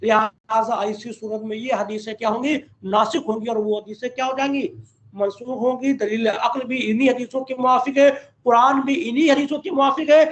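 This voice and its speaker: A man with a strikingly high voice leads an online lesson on a classical hadith text. He recites long Arabic narrator chains and then explains them plainly. He keeps pausing to ask his listeners what a point means before he answers it himself. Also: fairly even intonation. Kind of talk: religious lesson, reading Arabic and explaining in Urdu. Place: online class over a call.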